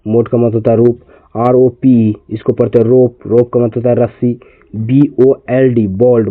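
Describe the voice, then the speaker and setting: A man's voice: mid-range voice, dry recording. A man from India teaching an English reading lesson, spelling words letter by letter and repeating them patiently. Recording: tinny, phone-like lo-fi sound.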